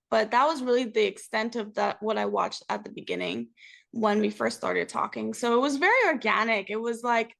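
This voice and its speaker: Young woman, higher voice with creaky edges. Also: fairly bright tone. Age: young adult. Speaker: interview guest, reality TV cast member. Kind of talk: casual interview chat.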